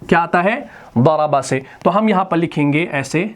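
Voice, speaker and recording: A man's voice: a little high, normal speed. A man teaching Quran grammar in a classroom style, often putting a question to the class and then answering it himself. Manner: repeats key terms as questions to the students. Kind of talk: classroom lesson.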